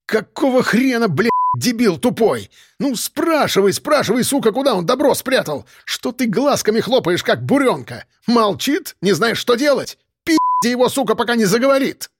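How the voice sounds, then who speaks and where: A man voicing a furious, foul-mouthed middle-aged police chief who yells and sneers at his men. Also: expressive, a little fast, husky, dry recording. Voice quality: shrill, yelling. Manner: screaming abuse, sneering mockery.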